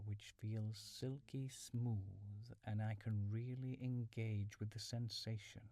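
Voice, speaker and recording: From a small furnished room at home, a man leads a mindfulness meditation in a fairly low voice. His delivery is calm, steady, and instructional, each phrase trailing off softly and breathily. The sound is dry.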